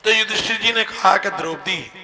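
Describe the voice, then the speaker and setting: A man's voice: high voice, a little fast. A man telling scripture stories in a devotional sermon, weaving in verses. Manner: storytelling, chanting scripture verses. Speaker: religious storyteller. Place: live religious festival gathering. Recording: live sermon with music behind. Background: devotional music.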